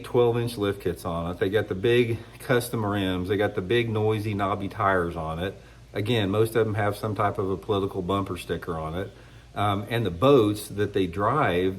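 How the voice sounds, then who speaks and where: An American fishing channel host in middle age rants to camera in a casual opinion monologue, his lowish voice congested from a cold. He's rambling and blunt, often restarting his sentences.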